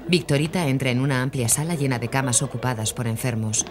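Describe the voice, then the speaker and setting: A narrator reading scripted audio description for a film in an even, measured way. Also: medium pitch, background noise.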